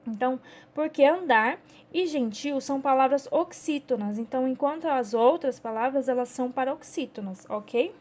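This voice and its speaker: A woman with a Brazilian Portuguese accent teaches from a children's workbook, patiently going step by step and checking in often with her class. Her voice is high with a darkish tone, at a moderate pace.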